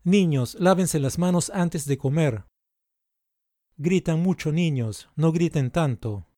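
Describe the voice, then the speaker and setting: A man reading short example sentences aloud for language learners, in a slow, deliberate, carefully enunciated way. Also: fairly high pitch, warm tone, no room sound, clean studio sound. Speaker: language teacher.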